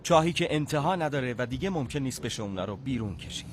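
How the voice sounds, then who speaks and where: A man reading a scripted moralizing narration in a measured voice. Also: medium pitch, animated, background noise.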